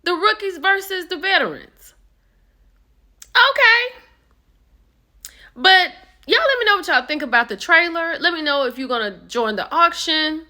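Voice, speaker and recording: Chatty bright-voiced woman. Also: measured pace, pauses often. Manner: chatty and animated, with sudden high excited jumps. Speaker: reality TV commentary host. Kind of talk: casual chat.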